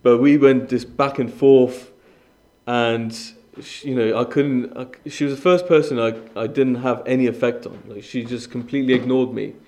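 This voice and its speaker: A young man from Iran, guest-preaching to a congregation, offers his testimony within a sermon. His voice is mid-range, steady and a little mellow at normal speed, and his earnest, conversational talk is dotted with restarts and fillers.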